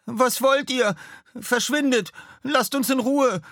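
Florian, a shrill frantic youth. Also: male voice, slow, no echo, studio quality, heavily acted. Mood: defiant. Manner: frantic, shouting in alarm. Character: panicky young male companion, frantic and shrill.

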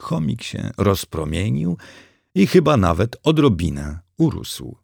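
A man's voice: mid-range voice, very animated, unhurried, creaky, a little mellow, breathy edge, dry recording. A man narrating an audiobook with a dry, wry delivery.

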